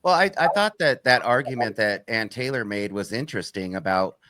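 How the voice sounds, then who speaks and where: A man's voice: mid-range voice, animated, fairly quick, bright, forceful tone, dry recording. A man who runs a true-crime channel, talking as a guest on a video call, hedging and restarting often. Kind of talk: casual panel discussion.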